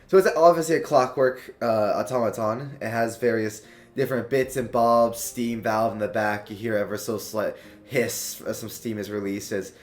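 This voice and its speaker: A man's voice: lowish voice, fairly even intonation, moderate pace, echoey room. A man narrating a tabletop role-playing game as game master, with loose, descriptive narration full of fillers.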